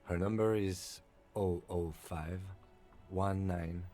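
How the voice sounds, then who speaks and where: An actor playing a calm, reserved police lieutenant in a video game, speaking matter-of-factly. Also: male voice, deep voice, slow, soft background music.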